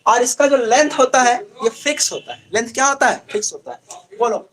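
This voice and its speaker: A young male teacher with a Bihari Hindi accent, teaching a live online class. He asks a question and answers it himself, and he repeats key terms slowly. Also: very high-pitched, fairly bright tone. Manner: call-and-response questioning, drawn-out repetition.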